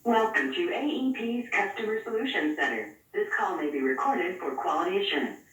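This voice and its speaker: Automated phone-menu voice: a woman's recorded phone message, lively pitch, played over a phone speaker heard from a distance in a very echoey space. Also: fairly quick. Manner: polite, even, scripted prompts.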